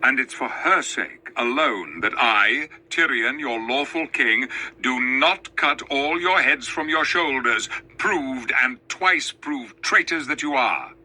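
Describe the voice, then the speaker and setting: A noble, wrathful storybook king, as a male reader puts him on. His speech is archaic and commanding, with a sharp, forceful tone and a lively, proud sweep. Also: medium pitch, slow pace, full character voice, low-quality recording. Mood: stern, proud. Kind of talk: dramatized storybook reading.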